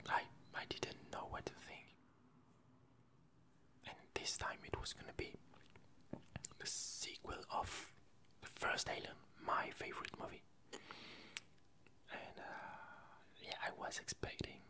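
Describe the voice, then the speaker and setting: Whispering softly and breathily without voicing, an ASMR creator casually rambles about games and films. They take their time, pausing as they hunt for the right words.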